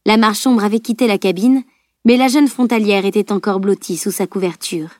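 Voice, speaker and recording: A woman narrates a fantasy novel as an audiobook, reading at a steady, measured pace. Her voice sits at a middling pitch for a woman and sounds dry and close to the mic, with no room echo. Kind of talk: scripted narration.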